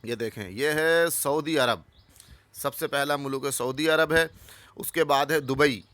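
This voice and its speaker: A man with a bright, forceful voice talks earnestly and urges his audience on. He names one item after another and adds a short comment to each. The sound is close and dry, with no room echo. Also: mid-range voice. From Pakistan. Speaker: religious channel host. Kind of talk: informal explanatory talk.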